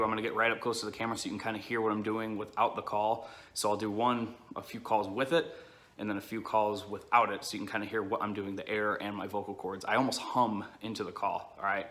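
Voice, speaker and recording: Male, lowish pitch with a bright edge, casual tutorial delivery, plain-spoken explainer. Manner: informal, explanatory, frequent check-ins like "okay" and "all right". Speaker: duck-calling instructor.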